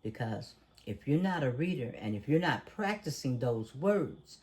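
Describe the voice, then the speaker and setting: Speaking a little slowly in a mid-range, sing-song, somewhat mellow voice, a podcast host gives casual conversational commentary. He is preachy and emphatic and often poses leading questions.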